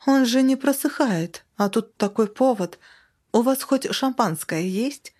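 A woman's voice: a little high, measured pace, darkish tone, voice pushed up. A woman voicing a worried, talkative young female friend calling on the phone. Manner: fretful, talkative.

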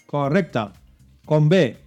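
Man, children's quiz host, slightly high voice, reads clues and drops hints. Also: lively intonation, takes it slowly, mellow, lo-fi sound, soft background music. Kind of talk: hosting a children's religious quiz show.

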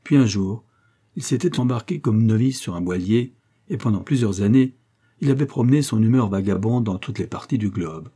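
A low, husky-voiced man narrating. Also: normal speed, mellow. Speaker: audiobook reader. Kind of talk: scripted narration.

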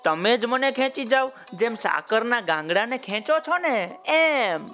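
A man doing a gentle talking mica stone. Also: very high voice, lively intonation, faint music behind, voice pushed up, full character voice. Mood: friendly. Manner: slow, sing-song.

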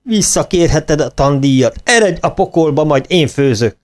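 A man voicing a bossy head cook in a storybook, scolding and shouting. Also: fairly high pitch, expressive, faint music behind, pitched above the performer's own voice, natural voice. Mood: furious.

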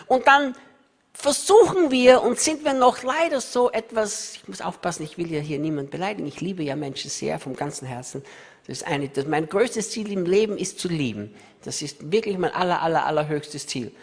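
A man preaching a sermon with much feeling, often tearful and laughing, who moves from loud emphasis to soft asides. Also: high-pitched, gravelly. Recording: reverberant hall, voice sometimes off-mic.

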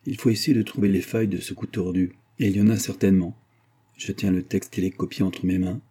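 A man's voice: deep voice, fairly even intonation, a little fast, warm tone, breathy edge. A man narrating a crime novel in the first person, in a wry, matter-of-fact way. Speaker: audiobook narrator.

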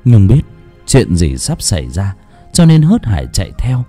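A man narrating a dramatic audiobook with expressive storytelling. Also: fairly low pitch, normal speed, slightly rough, faint music behind.

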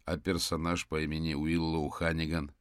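A man's voice: extremely low pitch, little pitch movement, normal speed, no room sound, studio quality. A man voicing a tired, stern male detective who speaks curtly and impatiently. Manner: curt, impatient commands.

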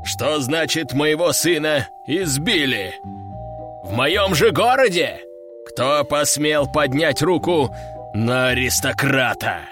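A man's voice: on the high side, lively intonation, slow pace, over music. Dargamon, a roaring demon lord, voiced by a man. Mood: enraged. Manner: bellowing, imperious. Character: furious fire-breathing demon prefect, male, domineering.

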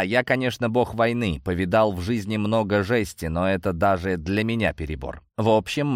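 A man's voice: low-pitched, no echo, clean studio sound. A man narrating an audiobook in the first person with a wry, ironic delivery.

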